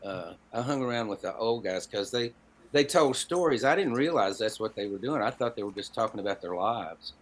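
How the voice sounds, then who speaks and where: He's a storyteller and songwriter in his seventies, guesting on a podcast and recounting personal anecdotes conversationally, with folksy, wry, dry humor. His Southern Appalachian accent reflects his Appalachian Tennessee roots. The voice is lowish, lively in intonation, and a little fast.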